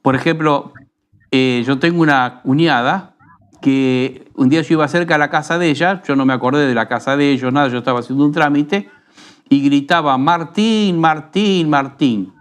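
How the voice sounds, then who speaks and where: Argentine pastor teaching in an unhurried tone. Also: male voice, mid-range voice, clean tone. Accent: Rioplatense Spanish. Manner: unhurried, teaching tone with frequent rhetorical tag questions. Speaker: pastor and radio program host. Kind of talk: conversational preaching.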